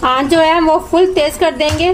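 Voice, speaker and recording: At a moderate pace and in a high voice, this woman hosts a home cooking show, narrating a recipe step by step with plain instructions she often repeats. The recording, made at her home stove, is noisy with a sizzling pan, frying, and stirring.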